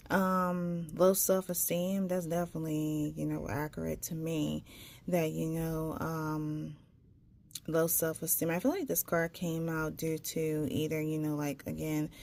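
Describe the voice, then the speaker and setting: Woman, slightly low pitch, vocal fry, tongue-piercing articulation, informal card reading, hesitant repeated phrases. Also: a little mellow. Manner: halting, searching for words, repeats phrases. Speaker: tarot reader. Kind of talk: casual spoken tarot reading.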